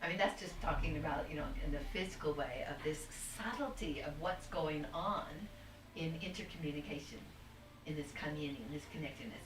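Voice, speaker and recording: A woman's voice: low-pitched, a little fast. A woman guest talking at length in a rambling, searching way, with frequent restarts, on a video call. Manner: rambling, spiritual, many restarts. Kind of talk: casual conversation. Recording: distant roomy mic with faint noise.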